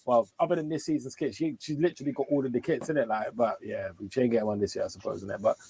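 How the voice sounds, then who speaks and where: A man's voice: mid-range voice, fairly even intonation, very fast, vocal fry, mellow, a little hiss or hum, poor audio. A man chatting casually on a football fan podcast, slangy and insistent, often repeating himself. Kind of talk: casual chat.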